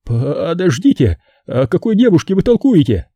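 A man voicing a terrified, begging pimp and bar owner in a high, panicky voice. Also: sing-song, normal speed, warm tone, dry recording. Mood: pleading.

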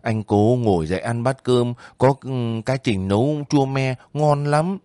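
A devoted young soldier, coaxing and homely, in a dry, close storybook reading, as a male narrator puts him on. The voice sits a little higher and fuller than plain narration. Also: moderate pace, mellow, no echo, close to an everyday voice.

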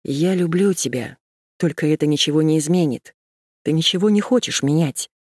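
A woman reader voicing a composed young man who speaks calmly, curtly and with contempt. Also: deep voice, moderate pace, no echo, clean studio sound. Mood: cold calm. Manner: calm, clipped, contemptuous. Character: cold, composed young man, curt and harsh.

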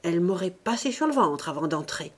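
A woman's voice: on the low side, very animated, brisk, slightly rough. A woman reading an audiobook, voicing a stubborn, fiercely devoted elderly mother who speaks doting words to her son.

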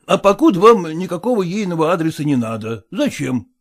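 A man voicing a smug, old-fashioned merchant who speaks in an obsequious, drawn-out way. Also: high-pitched, sing-song, pitched above the performer's own voice, heavily acted. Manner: obsequious, drawn-out, adding a polite "-s".

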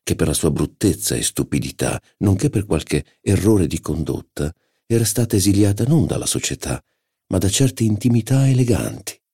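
A man reading a literary novel aloud as audiobook narrator, measured and expressive. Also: deep voice, creaky, husky, dry recording, studio quality.

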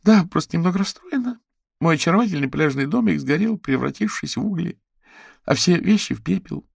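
A man's voice: medium pitch, very animated, a little fast, no room sound, clean studio sound, pitched above the performer's own voice. A man voicing a flamboyant, chatty rich socialite woman in an audiobook, in a gushing, theatrical way. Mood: upset.

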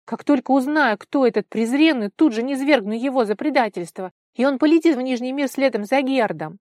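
A woman's voice: on the high side, normal speed, darkish tone, dry recording, clean studio sound, close to an everyday voice. A woman reader voicing an anxious, commanding young celestial woman, urgent and imperious in speech.

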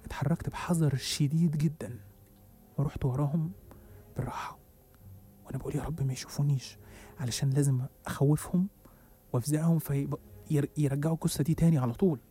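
A man with an Egyptian Arabic accent rattles through a suspenseful first-person horror tale at great speed. His voice is mellow and sits a little high, with faint music underneath. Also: fairly even intonation, fast, long pauses, husky. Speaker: storyteller host. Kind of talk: dramatic horror story narration.

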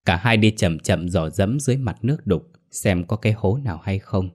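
A man narrating a ghost story in a steady, dramatic telling. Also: deep voice, normal speed.

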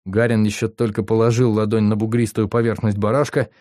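A man reading an audiobook in a steady, even storytelling voice. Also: fairly low pitch, brisk, no room sound, studio quality. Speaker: audiobook reader. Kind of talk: audiobook narration.

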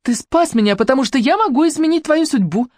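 A woman reading an audiobook, voicing a bold, sharp-witted teenage girl detective who talks high and insistently. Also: expressive, fast, dry recording, clean studio sound. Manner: high, bright and insistent, shouting over wind. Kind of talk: audiobook character voice.

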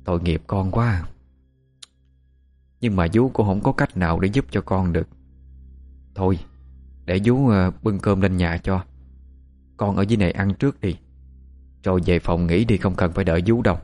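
Man reading a gentle, caring old nanny. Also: deep voice, normal speed, long pauses, soft background music, close to an everyday voice. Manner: gentle, soothing. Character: kindly older nanny woman, gentle and caring.

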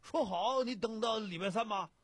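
A man reading a story aloud, voicing a boisterous middle-aged man who shouts excitedly down the phone. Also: sits high, normal speed, no room sound, pitched above the performer's own voice. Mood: loud, insistent.

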